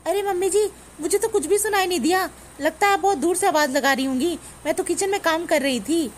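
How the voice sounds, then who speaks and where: A put-upon young daughter-in-law, played by a woman, grumbles to herself about her in-laws in a family comedy skit. Her voice sits slightly high. A faint noise runs behind her. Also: lively intonation, a little fast, lightly acted. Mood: defensive. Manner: complaining, muttering asides.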